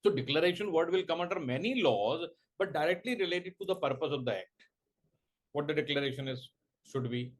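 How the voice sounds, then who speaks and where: A man giving a law coaching lecture, quizzing students and slowly dictating points word by word. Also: fairly high pitch, animated. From India. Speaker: professor.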